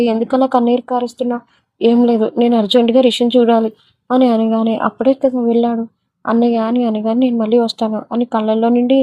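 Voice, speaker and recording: A woman narrating a romantic story in a mellow, somewhat high voice. She speaks every character's lines in the same steady, level tone rather than acting them out, and the recording is dry and close. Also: no echo, low-quality recording.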